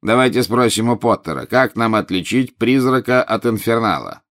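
A man voicing a cold, contemptuous male teacher who talks in a slow drawl. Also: mid-range voice, expressive, fairly bright tone. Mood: mocking.

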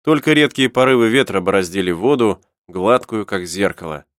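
A man narrating an adventure novel as an audiobook, with even, steady storytelling. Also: lowish voice, moderate pace, dry recording, studio quality. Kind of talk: scripted narration.

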